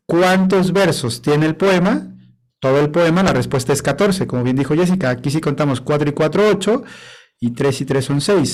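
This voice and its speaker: Male teacher, poetry lesson, patient, counts syllables aloud, slightly high voice. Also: a little mellow, poor audio.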